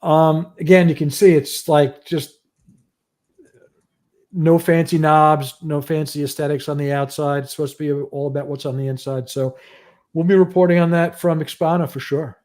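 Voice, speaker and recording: A man's voice: on the high side, fairly even intonation, moderate pace, a little mellow. A man hosting a livestream show, giving audio news in a loose, rambling casual chat.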